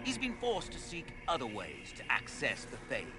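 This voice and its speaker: Menacing, sneering villain mage. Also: male voice, mid-range voice, huge pitch swings, moderate pace. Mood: gloating menace. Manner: menacing, theatrical, pompous. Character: sneering, gloating male villain mage serving a dark master. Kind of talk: video game voice acting. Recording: loud music behind the voice.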